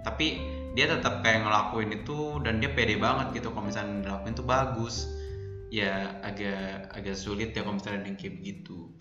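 A man chatting casually and informally as a solo podcast host, with a speech impediment that turns his r sounds soft, like w. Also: lowish voice, fairly even intonation, a little fast. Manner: informal and chatty, breaks into chuckles. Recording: dull, roomy recording with music behind. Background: plucked guitar music.

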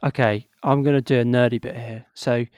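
Male co-host, enthusiastic and rambling, dry close sound, mid pitch. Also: steady tone, fairly quick, a little mellow, no room sound. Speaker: podcast co-host. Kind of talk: casual chat.

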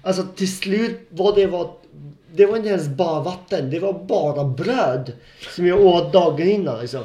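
A man's voice: sits high, animated, warm tone. A young man co-hosting a casual podcast among friends, telling a story with laughter and bits of English slang. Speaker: podcast co-host. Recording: roomy echo.

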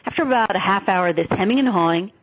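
Woman, guest author, husky breathy voice, animated storyteller who acts out quotes, dull lo-fi sound. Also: mid-range voice, fast. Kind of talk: personal storytelling in an interview. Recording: dull lo-fi audio.

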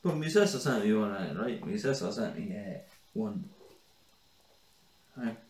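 A man's voice: lowish voice, animated, measured pace, darkish tone, slight background noise. A man co-hosting a casual podcast, teasing his co-host, swearing and laughing as he reads out listeners' icks. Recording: echoey room, set back from the mic.

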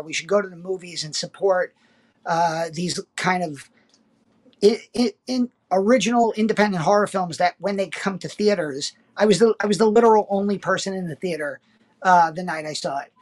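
A man co-hosting a casual review podcast, talking in a hesitant, enthusiastic way with many fillers. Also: high-pitched. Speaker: podcast co-host.

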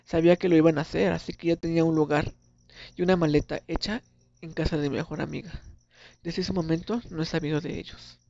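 Somber young man, gravelly. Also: on the high side, fairly even intonation, quick pace, warm tone. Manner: somber, earnest confessional tone. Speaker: narrator. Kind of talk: first-person dramatic storytelling. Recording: dull lo-fi recording.

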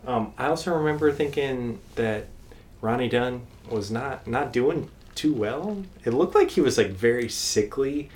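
A man's voice: medium pitch, lively intonation, measured pace, a little mellow. A man co-hosting a podcast in casual chat, rambling with lots of fillers and restarts. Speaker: podcast co-host.

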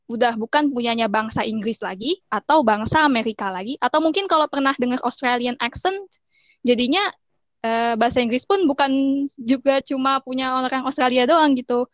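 A woman's voice: on the high side, brisk, no room sound. A young woman in casual chat, often switching into English phrases while she explains. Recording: dull, slightly muffled audio.

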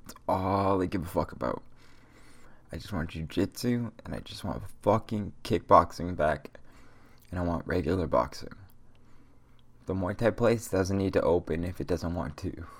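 A young podcast host with a very low, gravelly voice talks through a stuffy nose from a cold. Speaking at normal speed, he rambles through a casual solo rant of motivational talk, swearing constantly.

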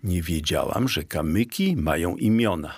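A man's voice: sits low, animated, moderate pace, husky, full character voice. Man doing a grumbling sleepy she-dog. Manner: grumbling, curt. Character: sleepy grumbling female dog, sharp-witted.

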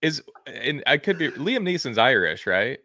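A man's voice: medium pitch, very animated, moderate pace, bright, forceful tone, no room sound, clean studio sound. A man co-hosting a casual movie review podcast, chiming in with agreeable, laughing remarks.

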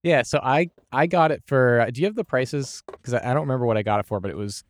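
A man in a casual board game discussion, wry and hedging, his sentences often trailing off softly. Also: mid-range voice, fast talker, a little hiss or hum.

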